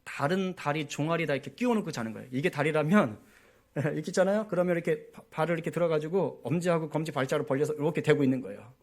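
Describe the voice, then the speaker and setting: A pastor with a fairly high, fast voice preaches a sermon at a church prayer meeting. He tells stories and keeps checking in with the congregation, often asking them to agree.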